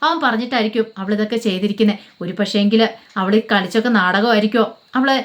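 A woman telling a story in a casual, run-on way, reading the characters' quoted lines flatly as reported speech. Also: medium pitch, fast. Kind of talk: rapid casual retelling of a serial's plot.

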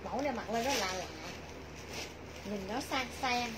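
A middle-aged woman with a southern Vietnamese accent giving a chatty, repetitive live sales pitch to viewers from a small clothing shop. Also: normal speed. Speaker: clothing shop livestream seller. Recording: noisy shop livestream, clear background noise.

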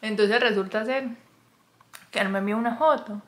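A woman vlogger casually telling a story to her camera indoors, chatty and full of fillers. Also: moderate pace. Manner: chatty, full of fillers, exclaims in high yelps. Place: indoors, wrapped in a blanket in a cold room.

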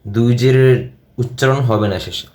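A man with a Bangladeshi Bengali accent teaching Quran reading, spelling out syllables slowly and chanting verses in a drawn-out way. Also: mid-range voice, fairly even intonation, darkish tone. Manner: slow, drawn-out chanting of verses between quick spoken explanations. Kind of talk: spelling-out Quran recitation lesson.

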